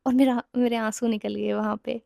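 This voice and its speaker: A woman's voice: fairly high pitch, little pitch movement, moderate pace, vocal fry, mellow, no room sound, studio quality. A young woman casually telling a personal story, rambling and often repeating or correcting herself mid-sentence. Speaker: storytime vlogger.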